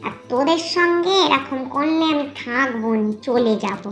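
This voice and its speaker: A woman voicing a sharp-tongued, fed-up female ghost servant in a cartoon story, grumbling and scolding in rustic speech. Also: high voice, expressive, normal speed, faint music behind. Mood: indignant.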